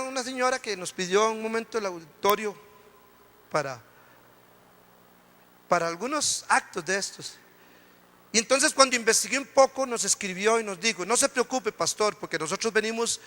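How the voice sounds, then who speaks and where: A male pastor preaches an impassioned sermon in a high, bright, pushed voice at a moderate pace, repeatedly addressing the congregation as "hermano" (brother). Long hall reverb surrounds the recording.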